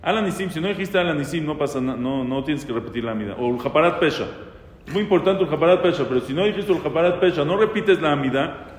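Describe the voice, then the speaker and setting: A rabbi teaching a casual lesson on prayer law, talking conversationally, asking questions and quoting prayers aloud. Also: male voice, a little high, animated, fast. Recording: echoey hall with faint ambience.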